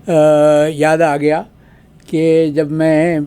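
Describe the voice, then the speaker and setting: An older man from Pakistan, a retired diplomat and guest analyst, gives formal commentary at a measured pace and pauses with drawn-out fillers. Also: fairly high pitch, monotone, dark tone, clean tone.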